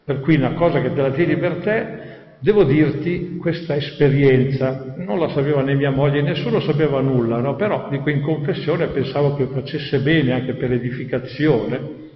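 An older man from Alto Adige giving an animated religious testimony to an audience, conversational and lively in his storytelling. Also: medium pitch, normal speed. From Alto Adige, Italy. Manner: animated, conversational, acts out quoted voices. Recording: echoey hall, dull sound.

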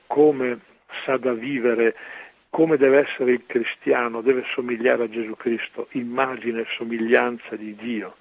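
A man, a priest, giving an earnest, preachy commentary on scripture over the radio, with a gravelly, husky voice. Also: medium pitch. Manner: earnest, preachy, often pausing on "ecco". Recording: narrow phone-like radio sound.

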